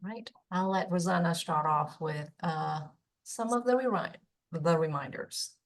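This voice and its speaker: Low-voiced woman introducing a webinar panel. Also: a little slow. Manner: polite, hesitant, with uhs. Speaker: associate director of international student services.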